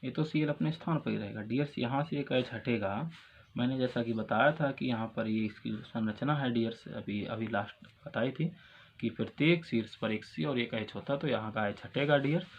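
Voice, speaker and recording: A man with a North Indian Hindi accent teaches a chemistry lesson step by step. He asks a question, then answers it himself, and his voice sits at an ordinary middle pitch. The recording is dull and lo-fi, with faint room ambience behind him. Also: moderate pace, a little hiss or hum. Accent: Hindi-speaking North Indian. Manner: repeats questions and answers, calls students "dears". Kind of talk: classroom lecture.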